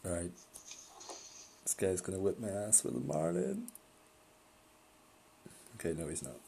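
A man's voice: sits low, huge pitch swings, unhurried, creaky, mellow, slight background noise. A man streaming a game live, chatting casually with friends and swearing at his bad shots.

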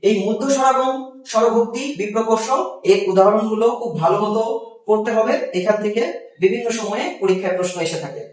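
A man with a Bangladeshi Bengali accent teaches a grammar lesson, going slowly and repeating every example so students can follow. His voice rings in a very echoey room. He sits some distance from the microphone. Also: sits high. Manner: slow and explanatory, repeats each example. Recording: very echoey room, far from the mic.

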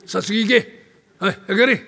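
Older man playing a rough tenant, downtown Tokyo accent, gruff, teasing, raised pitch, raspy, hall echo. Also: normal speed, bright, forceful tone, heavily acted. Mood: brash, teasing. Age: 70s. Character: brash bullying rough male Edo tenant. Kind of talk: rakugo storytelling.

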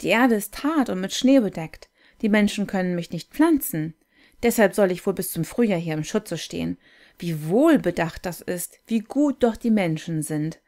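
A woman's voice: lowish voice, animated, moderate pace, darkish tone. Woman voicing a wondering young fir tree. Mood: wistful. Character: naive, yearning young fir tree, male.

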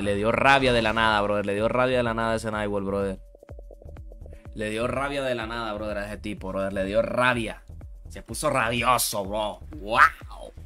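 A man streaming a fighting game, hyped and slangy, casually thanking viewers and calling out the action. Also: on the low side. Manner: hyped, slangy, repeats shout-outs. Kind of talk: casual live-stream commentary. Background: game music.

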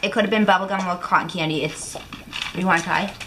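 A woman's voice: fairly low pitch, fairly even intonation, fast. A young woman chatting casually through a taste-test game while eating jelly beans. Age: young adult. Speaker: jelly bean challenge player. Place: living room couch, indoors. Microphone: camera a short way off. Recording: clear background noise, home room.

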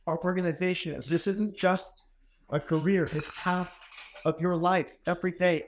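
In an ornate hall paneled in wood, a keynote speaker in his forties, his voice a little high, gives a motivational talk. He holds a microphone and tells stories in an emphatic, conversational way, with a little hiss or hum present.

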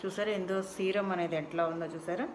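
A woman's voice: fairly low pitch, fairly even intonation, racing, slight background noise. A woman with a Telugu accent, chatting casually while she demonstrates a product with a sheet mask on her face. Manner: chatty, explains step by step. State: speaking through a sheet mask. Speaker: beauty vlogger.

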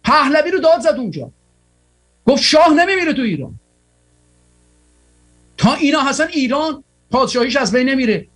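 A man's voice: extremely high pitch, a bit bright. A tired man hosting a political broadcast, giving a fervent, rallying monologue full of repeated exhortations.

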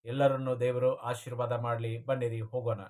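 A man's voice: mid-range voice, level tone, a little fast, darkish tone. A man hosting his channel, giving a formal, preacher-like devotional address to viewers before a song. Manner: formal preacher-like cadence with repeated blessings.

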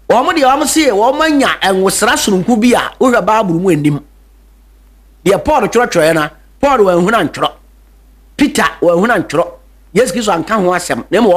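A Ghanaian man preaching a radio sermon in Twi and English, emphatic, repeating key words, with hesitant fillers. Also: sits high.

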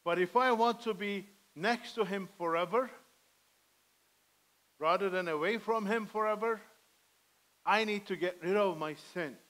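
A man's voice: high-pitched, measured pace, pauses often, a bit bright, low-quality recording. A middle-aged man preaching a sermon from a church pulpit, earnest and pleading, on a headset mic. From Armenian heritage. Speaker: pastor. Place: church sanctuary, indoors, medium size.

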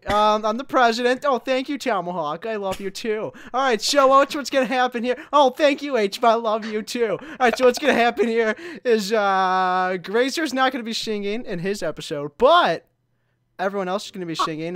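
A man's voice: sits high, normal speed, bright, forceful tone. A man hosting a gaming video, chatting casually in a rambling way with lots of fillers and nervous laughs. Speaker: gaming channel host. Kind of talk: casual gameplay commentary.

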